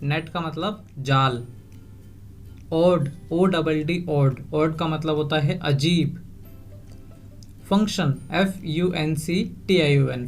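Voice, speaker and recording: Slow, careful male language teacher. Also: on the high side. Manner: spells each word letter by letter, then gives its meaning. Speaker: English teacher. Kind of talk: vocabulary lesson, spelling words aloud.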